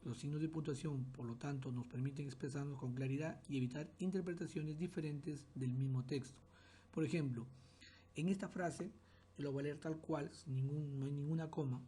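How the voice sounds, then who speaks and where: Mellow-voiced man giving a lecture. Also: fairly high pitch, steady tone, normal speed, slight background noise. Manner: explanatory, repeats and restarts phrases. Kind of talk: recorded class lecture.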